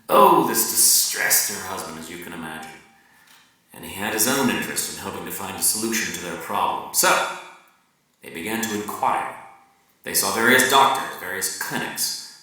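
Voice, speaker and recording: At a live event, a medium-pitched man gives a wry, theatrical reading of a novel's monologue, swinging between loud emphasis and hushed murmurs. The room is very echoey and the mic is distant.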